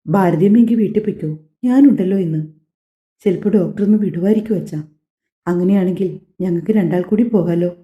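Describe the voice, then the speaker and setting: A woman voicing a young married daughter who calmly reassures her parents and stands firm, in an audio story. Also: on the low side, fast, pauses often, lightly acted. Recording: echoey, slightly dull home recording.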